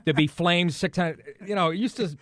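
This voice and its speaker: A man's voice: sits high, normal speed, no echo, studio quality. A man co-hosting a radio talk show, telling a comic anecdote casually and acting out the quotes. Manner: animated anecdotes with acted-out quotes and laughs. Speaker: radio show co-host and comedian.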